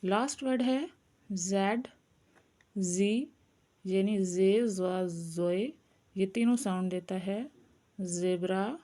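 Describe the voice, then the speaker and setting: Slow, careful woman teaching letter sounds. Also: mid-range voice, warm tone. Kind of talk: phonics lesson.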